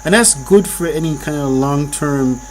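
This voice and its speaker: Halting man. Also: a little high, a little hiss or hum, low-quality recording. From Philadelphia, USA. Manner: halting, full of fillers like "you know". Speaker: guest. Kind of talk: casual group discussion.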